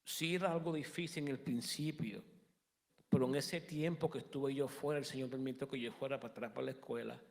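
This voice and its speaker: A man in his thirties giving a halting personal testimony in a church interview, often restarting and slipping in English words. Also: medium pitch, steady tone, gravelly, long reverb tail.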